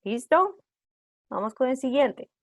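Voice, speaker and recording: Woman facilitator, slow deliberate delivery, slightly high voice, dry close sound, string of rhetorical questions. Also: sing-song, no echo. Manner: asks rapid rhetorical questions to the audience. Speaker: trauma-informed care workshop facilitator. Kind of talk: online workshop lesson. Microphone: video call.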